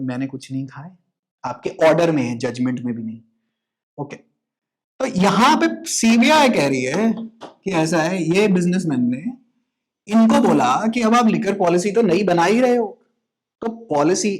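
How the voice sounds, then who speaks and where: A man's voice: fairly high pitch, a little mellow. A young man giving a casual legal lecture, explaining as an educator, mixing English phrases and asking rhetorical questions.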